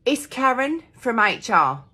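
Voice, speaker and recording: Husky woman mimicking accents. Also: fairly high pitch, sing-song, takes it slowly, sharp tone. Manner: mimicking a string of accents on one line. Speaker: TikTok comedian. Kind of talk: comic accent sketch.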